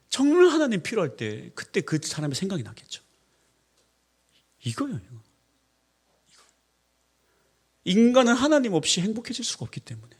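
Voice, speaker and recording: A man's voice: sits high, breathy edge. A man preaching a Sunday sermon as pastor, telling stories and firing rhetorical questions at the congregation. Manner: animated storytelling, acting out quoted voices, rhetorical questions to the congregation.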